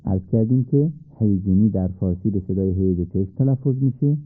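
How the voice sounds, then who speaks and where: A man's voice: fairly low pitch, no room sound. Patient male radio Quran teacher, tinny. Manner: polite, patient, asks and answers his own questions. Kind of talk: radio lesson. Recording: tinny phone-like radio recording.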